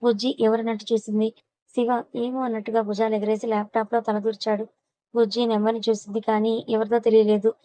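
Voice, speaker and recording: A woman's voice: a little high, level tone, fast, mellow, low-quality recording. A woman narrating a serialized audiobook story with a Telugu accent, reading every character's lines with little change of voice.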